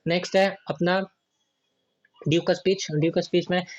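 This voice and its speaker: A male teacher giving a chatty classroom literature lesson who keeps asking students about doubts and reads verse very slowly. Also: high-pitched, steady tone, dull audio.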